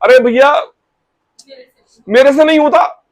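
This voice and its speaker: A man's voice: very high-pitched, takes it slowly, voice pushed up. A man voicing a grown man who says he cannot stop himself from laughing, protesting and pleading.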